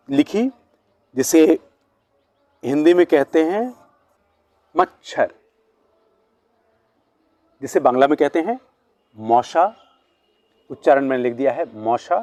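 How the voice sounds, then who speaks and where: A man's voice: fairly high pitch, mellow, dry recording. Man teaching vocabulary at a board. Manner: slow, repeated pronunciation of words. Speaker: language teacher. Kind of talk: bilingual vocabulary lesson at a board.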